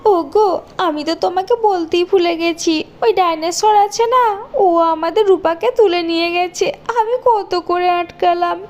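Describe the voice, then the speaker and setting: A woman voicing a cruel, scheming stepmother in a cartoon, with a sneering, shrill way of talking. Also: a little slow, darkish tone.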